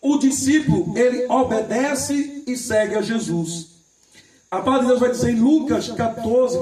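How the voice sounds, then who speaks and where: High-voiced preacher in an echoey hall. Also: male voice, a little mellow, distant mic. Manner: repeats phrases, asks the congregation "Amém?"; reads scripture slowly and with emphasis. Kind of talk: sermon.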